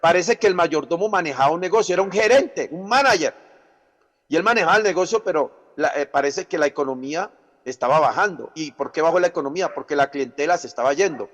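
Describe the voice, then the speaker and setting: A male pastor gives a Bible lesson in a fairly high voice. He explains patiently, asking rhetorical questions and repeating phrases to drive his points home. His voice rings out with a long hall reverb. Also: lively intonation, quick pace, fairly bright tone. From Colombia. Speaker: pastor teaching a chaplaincy class. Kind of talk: Bible teaching lecture.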